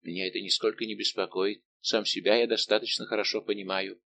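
A man's voice: on the low side, level tone, fast talker, vocal fry, pushed and bright, a little hiss or hum. A male reader voicing a heartbroken young nobleman who speaks in a bitter, restrained, formal way, in an audiobook.

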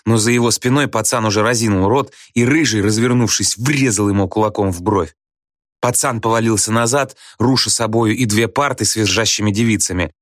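A man reading a story aloud as an audiobook narrator, in an even, wry storytelling manner. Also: on the low side, fairly quick, no echo, studio quality. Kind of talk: scripted narration.

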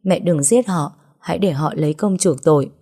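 A woman voicing a gentle young adopted daughter, weeping and pleading. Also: low-pitched, normal speed. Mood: tearful.

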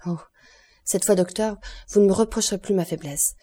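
A woman's voice: mid-range voice, moderate pace, dark tone, slightly rough, natural voice. A woman voicing a desperate magistrate. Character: anguished middle-aged male magistrate.

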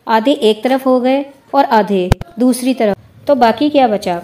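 A woman reading the lines of a calm senior male lawyer with a dry, teasing wit, in a measured way. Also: fairly high pitch, slight background noise, close to an everyday voice.

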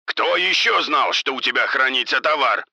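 A man's voice: medium pitch, very animated, normal speed, vocal fry, bright, forceful tone, no room sound, exaggerated voice. A man voicing an angry drug boss who speaks harshly and menacingly.

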